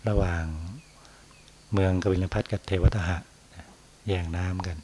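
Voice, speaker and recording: A man, a Buddhist monk, giving an unhurried dharma talk on meditation and tagging his phrases with a soft particle. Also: deep voice, flat delivery, a little hiss or hum.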